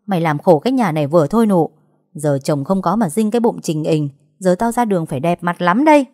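A woman's voice: on the low side, expressive, quick pace, dry recording, studio quality, natural voice. A woman voicing a harsh, furious old grandmother who scolds her family. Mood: scolding. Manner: scolding, sharp-tongued.

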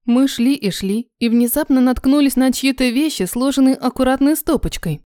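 A woman narrates an audiobook in the first person, wry and confessional. Her voice is fairly high but mellow, recorded close and dry. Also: normal speed, dry recording.

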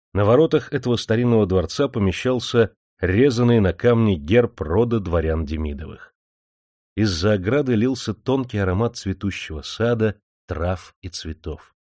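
Male narrator for audiobook prose, steady descriptive read, low register, dry close sound. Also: no echo.

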